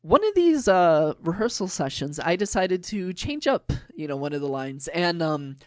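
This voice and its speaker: A man's voice: fairly high pitch, sing-song, moderate pace, a little mellow, no echo, studio quality. A young adult man talking as a podcast guest in a casual, eager way, rambling with lots of fillers.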